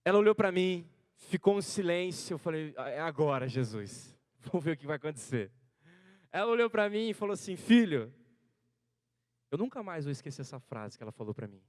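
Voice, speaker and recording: A man in his thirties from Brazil, a seminarian preaching a sermon built around a personal story, his delivery swinging between hushed and loud, rising passages. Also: on the high side, big pitch swings, brisk, no echo, studio quality. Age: 30s. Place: church hall.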